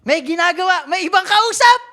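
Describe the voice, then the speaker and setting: Filipino woman preacher with a high voice, lively and joking, reading scripture in English. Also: normal speed. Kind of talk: sermon.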